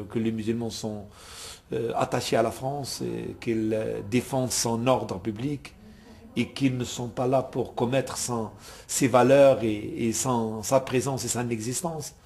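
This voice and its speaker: Male organisation president, earnest halting interview answer. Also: mid-range voice, fairly even intonation, a little mellow. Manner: earnest, hesitant with many fillers.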